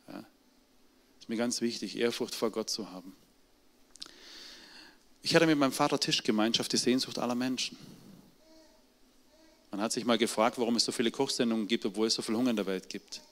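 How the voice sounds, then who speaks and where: A middle-aged man preaching to a congregation, his voice a little low. He tells his testimony with strong emphasis, dropping to near hushes and rising again. The sound rings out with long reverb from a large hall. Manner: emphatic testimony, voice swinging between loud and quiet. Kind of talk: sermon.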